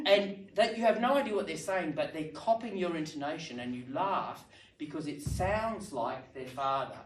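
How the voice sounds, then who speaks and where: An Australian woman training language teachers, talking in an animated, demonstrative way with strong stress on words. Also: deep voice. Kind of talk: training session talk. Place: library meeting room. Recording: roomy sound from some distance.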